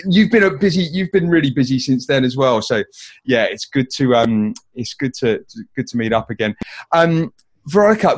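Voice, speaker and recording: A man hosting a podcast, asking questions in a casual, rambling way with many restarts and fillers. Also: medium pitch. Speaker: podcast host. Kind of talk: casual interview chat.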